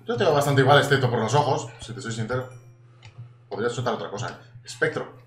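Young Spanish gaming host, excitable and chatty, swears a lot; swinging pitch, roomy echo. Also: male voice, fast talker. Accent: Spanish from Spain. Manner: excitable, swears casually, chatty asides to viewers. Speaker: gaming YouTuber. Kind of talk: casual gameplay commentary. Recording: echoey room with faint noise.

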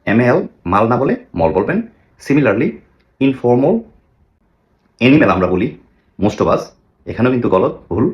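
A man's voice: mid-range voice, expressive, a little fast, pauses often, muffled recording. A man teaching English pronunciation, asking rhetorical questions and repeating model words for the listener. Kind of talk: pronunciation lesson.

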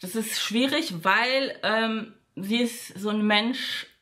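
A woman's voice: slow, sharp tone. Chatty woman telling a storytime. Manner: acts out quoted dialogue with shifts in pitch; frequent fillers and asides to viewers. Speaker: vlogger. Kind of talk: casual storytime monologue.

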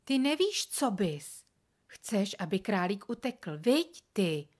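A woman's voice: medium pitch, sing-song, lightly acted. A woman voicing a mischievous, bossy little boy who teases and gives orders. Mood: bossy teasing. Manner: teasing, commanding.

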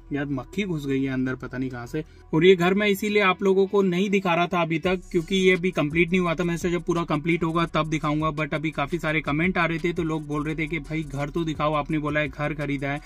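A man's voice: fairly high pitch, fairly bright tone. A man in his thirties with an Indian accent, chatting casually to his vlog audience from inside a parked van, filmed on a phone held at arm's length. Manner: chatty, explanatory, mixes in English words. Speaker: vlogger. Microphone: phone camera at arm's length.

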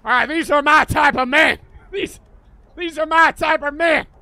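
A man's voice: very high-pitched, moderate pace. A man streaming a game, profane, barking orders like police pounding on a door. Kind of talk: live gameplay commentary. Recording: clear background game noise. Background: tactical shooter game sounds.

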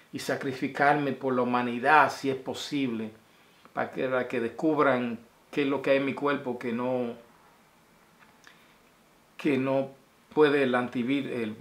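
A man's voice: mid-range voice, fairly bright tone. Rambling man in a roomy room. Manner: rambling, affectionate, sends blessings. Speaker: vlogger. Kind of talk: casual video message. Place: small room at home. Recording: roomy echo.

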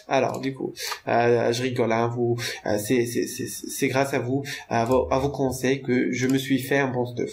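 A man's voice: medium pitch, level tone, normal speed, gravelly. A young man casually commentating his own video game play, joking, rambling to his viewers and stammering over repeated words.

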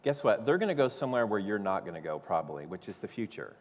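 Low-voiced man doing church announcements. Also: very animated, fast, a little hiss or hum. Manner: upbeat, loose, filler-heavy delivery. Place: church sanctuary. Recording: long reverb of a large church hall.

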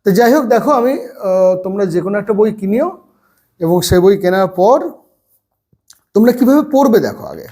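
A man, seated, teaches a children's reading lesson and reads out word lists slowly and patiently. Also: high voice, expressive, a little mellow. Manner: slow, patient word-by-word drilling. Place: seated at a table.

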